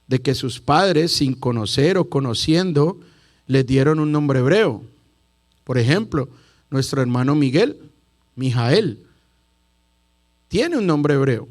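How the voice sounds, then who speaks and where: A middle-aged man preaching to a congregation, telling stories and sometimes singing out key words as a cantor. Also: on the high side. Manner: storytelling preacher who sings out key words. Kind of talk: sermon. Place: congregation hall.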